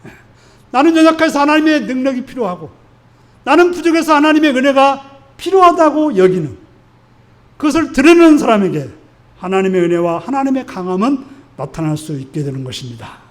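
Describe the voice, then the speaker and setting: A man's voice: very high-pitched, big pitch swings, a little fast. A male pastor preaching a Sunday sermon in an earnest, exhorting way, putting question after question to his congregation. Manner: asks the congregation frequent rhetorical questions.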